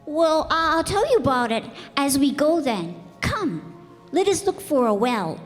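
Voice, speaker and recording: In a radio play, a woman voices an earnest, curious little boy prince from another planet who keeps asking questions, frank and sincere. Her high voice is very animated yet unhurried, set in an echoey hall with music behind her.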